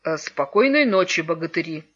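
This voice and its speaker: A kindly old grandfather wizard, as a woman storyteller puts him on, speaking gently and with solemn warmth in a slightly lowered voice. He sounds like a fairy-tale storybook reading, captured on a dull, lo-fi recording. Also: animated, brisk.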